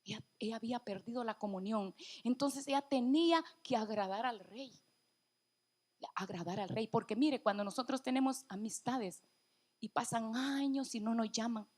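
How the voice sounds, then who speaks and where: A woman church elder preaching a sermon, emotional, swinging from loud fervent passages to near-whispers and calling the congregation brother. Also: on the high side. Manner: addresses congregation as brother, many restarts.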